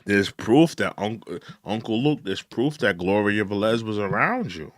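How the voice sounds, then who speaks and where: A man's voice: lowish voice, expressive, a little slow, no echo. A man in his thirties hosting a reaction commentary, incredulous and repetitive as he speaks directly to the person he criticizes. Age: 30s. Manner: incredulous, repeats points, addresses his target directly. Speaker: commentary channel host.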